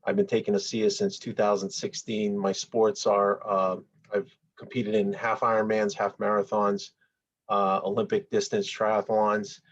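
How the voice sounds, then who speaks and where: A man in his forties, an athlete on a panel, speaking in a measured way with fillers on a video call. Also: lowish voice, monotone. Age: 40s. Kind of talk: casual answers on a video call. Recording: dull lo-fi call audio.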